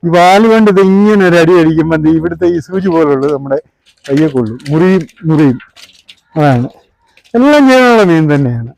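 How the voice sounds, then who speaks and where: A man's voice: fairly high pitch, lively intonation, brisk, darkish tone, rough recording. A man casually talking through his work as a fish seller and vlog host. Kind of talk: casual vlog commentary while handling live fish. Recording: clear background noise with clicks.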